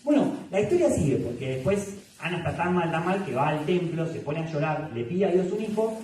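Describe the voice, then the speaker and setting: A man with a Rioplatense Spanish accent, a family psychologist leading a church workshop, talking in a lively way, joking and checking in with "¿sí?". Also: fairly high pitch, fairly quick, a little hiss or hum. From Argentina. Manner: animated, jokes and laughs, asks "¿sí?" often. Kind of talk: lively workshop talk with Bible story. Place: church hall. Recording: echoey church hall, mic far off.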